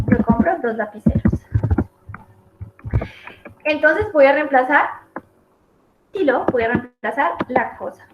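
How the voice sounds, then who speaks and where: Slow high-voiced woman teaching a lesson. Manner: explains step by step, repeats each example. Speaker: French teacher. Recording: echoey room, dull lo-fi audio, noisy.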